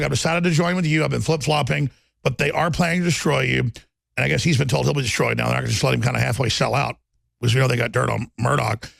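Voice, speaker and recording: Gravelly fast-talking male talk host. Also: mid-range voice, no room sound, studio quality. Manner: fast, interrupting, emphatic. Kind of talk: political talk show banter.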